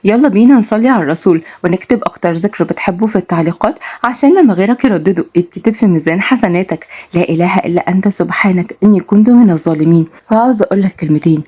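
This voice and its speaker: Egyptian woman narrator; rapid, earnest storytelling and preaching. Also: medium pitch, animated, husky. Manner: warm greetings, earnest preaching. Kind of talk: religious reminder and story narration.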